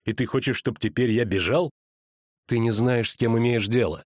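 A man voicing a calm young male knight who speaks softly and with steady resolve. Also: no room sound, clean studio sound, close to an everyday voice. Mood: gentle. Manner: soft, measured, low delivery.

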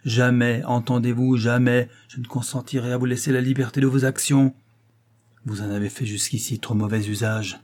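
A man's voice: on the low side, completely flat delivery, brisk, hardly any pauses, darkish tone, close to an everyday voice. A man voicing a stern, wounded husband who argues with severe emphasis.

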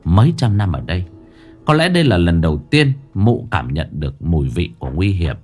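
A male storyteller with a lowish voice reads a horror tale dramatically, his pitch rising and falling a lot. Soft music plays underneath. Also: very animated, a little fast, husky.

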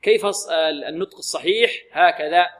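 A man's voice: sits high, a bit bright. Man teaching Quran recitation. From Libya. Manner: asks questions and answers them himself; repeats words slowly to model pronunciation. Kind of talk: tajweed lesson with recited examples.

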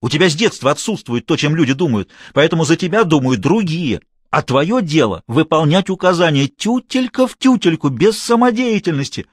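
A scornful, irritable crime boss barks orders and lectures his henchman, voiced by a man reading the story. The voice rides up high and swings widely, recorded dry and close. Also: big pitch swings, moderate pace, no room sound.

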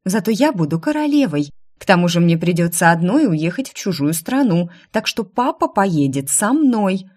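A woman's voice: fairly low pitch, very animated, moderate pace, a little mellow. A woman voicing a playful, teasing young woman, the older sister in a storybook.

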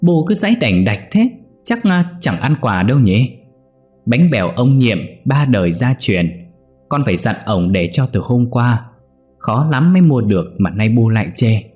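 A man voicing a crafty young daughter-in-law who needles her mother-in-law in a sly, brisk voice. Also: medium pitch, sing-song, a little mellow, soft background music, voice pushed up, close to an everyday voice. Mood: sly needling.

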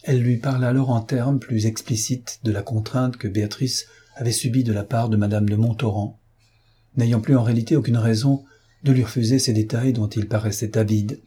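A man narrating a classic novel in a measured audiobook style. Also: medium pitch, steady tone, warm tone, slightly rough.

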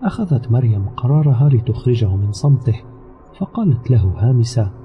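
A man narrating an audio novel in a steady, measured storytelling manner. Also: mid-range voice. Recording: slightly dull recording with background music. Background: soft music.

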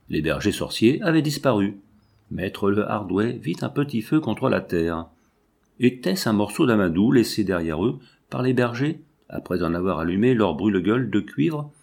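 A man reading a classic novel aloud as audiobook narration, measured and steady. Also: on the low side, gravelly, slightly rough. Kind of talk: scripted literary narration.

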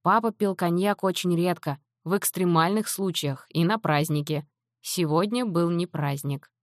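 Female audiobook narrator: low, even storytelling, close dry mic. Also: moderate pace, no echo. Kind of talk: first-person novel narration.

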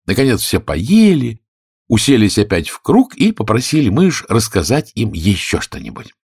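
A man narrating an audiobook fairy tale with expressive storytelling. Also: on the low side, normal speed, husky, no echo, clean studio sound.

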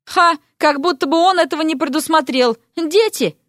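A woman's voice: sits high, moderate pace, a bit bright, dry recording, clean studio sound, pitched above the performer's own voice. A woman reading the lines of a wry young male mage in a fairy-tale audiobook, amused and fond. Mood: wry amusement.

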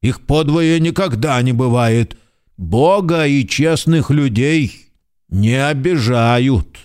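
A man acting out a sly, half-drunk manservant in a radio drama, with a middling voice. He drones on at a slow, stubborn drawl, circling back to the same phrases and dodging every question. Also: medium pitch, a little mellow, natural voice. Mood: defiant. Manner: slow, droning drawl with repeated "he says".

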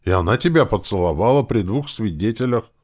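A man's voice: fairly low pitch, lively intonation, fairly quick, darkish tone, voice pushed up. A young male elf shopkeeper, voiced by a man in an audiobook. He states terms in a clipped, businesslike way and bristles when he is questioned. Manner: businesslike, indignant.

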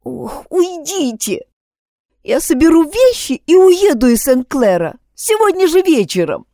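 A woman's voice: sits high, big pitch swings, a little slow, dark tone, no room sound, studio quality, voice pushed up, exaggerated voice. A woman reading an audiobook, voicing a distraught teenage schoolgirl who pleads and sobs. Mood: desperate. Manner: pleading, sobbing outbursts.

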